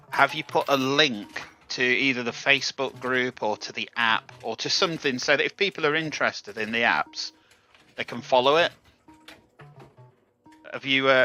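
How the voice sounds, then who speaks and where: A man's voice: medium pitch, sharp tone. A man casually hosting a live viewer contest, chatting politely and addressing people directly. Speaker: livestream host of a slot-machine contest.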